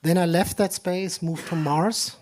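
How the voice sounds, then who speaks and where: A man's voice: sits high, fairly even intonation, unhurried, darkish tone. A middle-aged man from Germany, speaking on a conference panel with many fillers and dry humor. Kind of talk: panel discussion.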